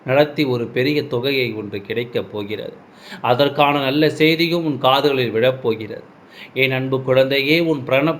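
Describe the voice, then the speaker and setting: A man's voice: medium pitch, a little hiss or hum. Solemn man delivering a devotional message. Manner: solemn, addresses the listener directly as a child. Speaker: devotional speaker. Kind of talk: devotional message spoken as the goddess.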